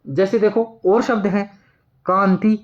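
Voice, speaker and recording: A man teaching Hindi grammar, repeating each word slowly and answering his own questions as he writes. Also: high voice, expressive, highs cut off. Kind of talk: classroom lesson at a board.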